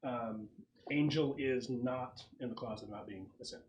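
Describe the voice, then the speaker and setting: A man serving as game master narrates a casual tabletop game, explaining the scenario conversationally and piecing details together as he goes. His voice is medium-pitched and darkish at normal speed, recorded in a noisy room with clicks.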